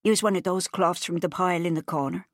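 A woman's voice: fairly low pitch, steady tone, fast talker, no echo, studio quality. A woman reading an audiobook, voicing a kindly, chatty old traveller woman, homely and motherly.

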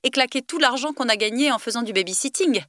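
A woman's voice: on the high side, expressive, fast talker, sharp tone, no echo, pitched above the performer's own voice. A woman reading aloud, voicing a restless, teasing teenage girl heroine from a novel. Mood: wry.

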